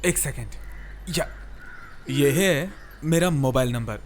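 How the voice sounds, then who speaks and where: A man's voice: mid-range voice, slow pace, lightly acted. An actor voicing a teasing young man in love. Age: young adult. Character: charming, teasing young male lover. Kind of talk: dubbed film acting.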